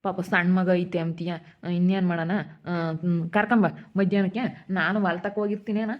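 A woman's voice: lowish voice, level tone, moderate pace, highs cut off, close to an everyday voice. A woman playing a patient village father who explains things plainly and repeats himself, with a rural Hiriyur accent. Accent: Hiriyur rural Kannada.

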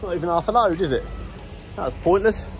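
With soft music behind him, a man with a high-pitched, animated voice delivers brisk vlog commentary to his viewers. He's driving his truck and then loading it in an open yard, staying chatty and playful the whole time.

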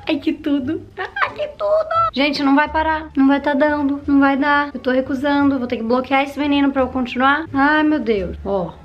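A young Brazilian woman vlogging in casual, animated chat, nervous and giggly, with sudden squeals. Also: high-pitched, a little fast, hardly any pauses, lo-fi sound, soft background music. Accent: Brazilian Portuguese. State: nervous and excited. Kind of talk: excited casual vlog chat.

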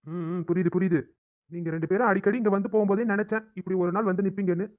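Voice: medium pitch, steady tone, very fast, lightly acted. Easygoing temple priest, voiced by an actor. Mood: knowing. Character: temple priest, middle-aged man. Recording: tinny phone-like recording.

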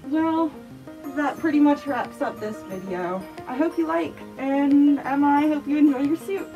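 A woman's voice: high voice, moderate pace. A woman speaking earnestly to her viewers from inside a costume head, closing out her casual video. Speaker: fursuit maker. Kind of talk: casual vlog address to viewers. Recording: music behind, voice far from mic. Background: music.

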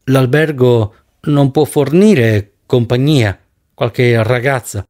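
A man's voice: medium pitch, slow pace, darkish tone, natural voice. A man voicing a shaken, wounded grown man who mutters to himself with grim determination.

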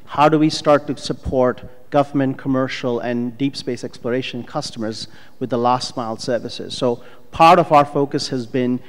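A man's voice: medium pitch, steady tone, moderate pace. A middle-aged man, a startup co-founder, giving fluent, businesslike panel remarks with filler ums into a handheld microphone on a conference stage. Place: large conference hall stage, indoors. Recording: long reverb of a conference hall.

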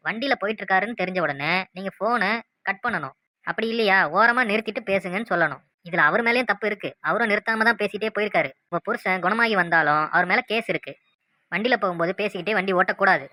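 A woman's voice: mid-range voice, fast, bright, forceful tone, dry recording, lightly acted. A woman voicing a stern male traffic police officer in a cartoon, lecturing and scolding.

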